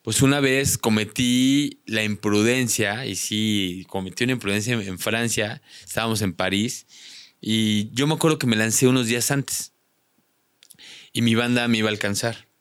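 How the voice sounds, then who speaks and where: Animated Mexican man telling a story. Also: fairly low pitch, normal speed, clean tone, no room sound, clean studio sound. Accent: Mexican Spanish. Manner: animated, slangy, acts out quoted voices. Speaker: podcast guest. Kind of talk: casual storytelling.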